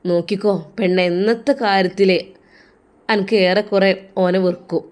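A woman's voice: mid-range voice, fairly even intonation, moderate pace, a little mellow, lightly acted. A woman voicing a stern, protective middle-aged mother who scolds her daughter insistently, with a Malappuram Malayalam accent, in an audio drama. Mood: scolding. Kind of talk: audio drama role-play.

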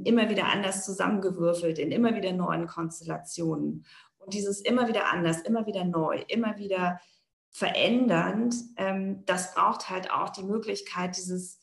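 A woman's voice: fairly low pitch, vocal fry. Woman, architect, keynote speaker, video call, echoey room, thoughtful with many fillers. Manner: thoughtful, loosely structured, frequent "ähm" and "ja?". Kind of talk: conference keynote talk.

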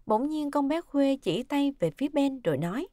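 A woman narrating a dramatic story in an expressive, scripted reading. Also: high voice, moderate pace, no room sound, clean studio sound.

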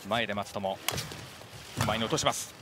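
A man's voice: lowish voice, moderate pace, loud music behind the voice. A man calling a badminton match live and putting questions to his analyst. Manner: lively play-by-play calling, asks the analyst questions. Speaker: play-by-play commentator. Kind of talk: sports commentary. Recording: broadcast over loud arena crowd and noise.

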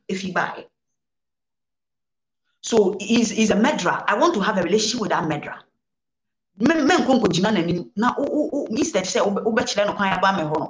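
The audio is poor and reverberant as a woman reverend, a guest on an indoor studio set, answers an interviewer in a preaching manner. Speaking with a Ghanaian accent at a medium pitch, she mixes English with Twi and repeats phrases to stress them.

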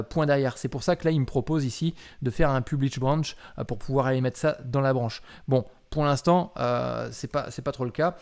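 A man's voice: medium pitch, darkish tone. A man walks the viewer through a coding task on screen in a loose, conversational way. He hesitates often and keeps checking that the viewer is following. His tone stays informal throughout. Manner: casual, informal, many "euh" fillers and "d'accord?" check-ins. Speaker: coding instructor. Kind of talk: screen-recorded coding tutorial.

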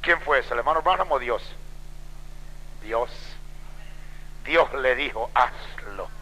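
A man preaching a sermon in a church, telling stories with drama and acting out the voices of the people in them, moving between loud exclamations and hushed low passages. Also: slow pace, slight background noise. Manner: dramatic storytelling, acts out quoted voices. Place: church sanctuary. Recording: long hall reverb.

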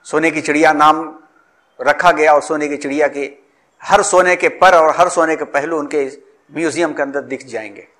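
A man with a slightly high voice delivers a formal history lecture. His phrasing is elaborate and measured, and he often breaks off a word to restart it. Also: fairly bright tone.

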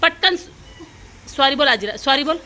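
Young mum from Maharashtra, family vlogger, high sharp voice, animated and repetitive, phone-recorded at home. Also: female voice, a little hiss or hum. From Maharashtra, India. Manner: animated, repeats words in quick calls. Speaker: vlogger and mother. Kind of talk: casual family vlog.

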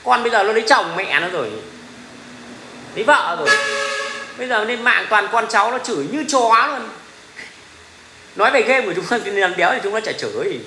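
A man's voice: high voice, animated, fairly quick, pauses often. A middle-aged man, talking in a casual, rambling livestream, blunt and profane, laughing often. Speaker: livestream host. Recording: echoey room with faint ambient noise.

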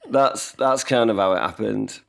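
Speaking at a moderate pace, this English podcast guest in his forties has a very low, gravelly voice with a bit of brightness. The songwriter chats loosely from home in his living room, rambling, mocking himself, and restarting frequently, on a desk mic on a stand during a video call.

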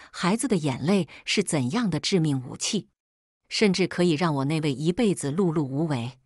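A woman narrating a scripted first-person story in a measured, plaintive way. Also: lowish voice, darkish tone, slightly rough, dry recording, clean studio sound.

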